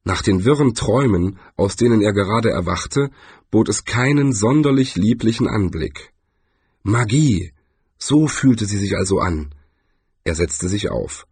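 A male narrator with a somewhat husky voice reads a fantasy story aloud. His pitch moves a lot, and the close-miked sound is dry. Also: lively intonation, unhurried, darkish tone, no echo. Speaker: audiobook narrator. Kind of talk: scripted narration.

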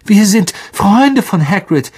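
A man voicing a frightened schoolboy in a storybook reading, pleading in a raised voice while trying to stay calm. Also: mid-range voice, brisk, breathy edge, no room sound, clean studio sound, exaggerated voice.

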